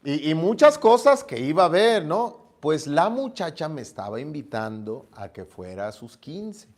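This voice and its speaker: A pastor with a fairly high voice delivers a sermon at a moderate pace. He tells stories and acts out their dialogue, shifting lively between the characters.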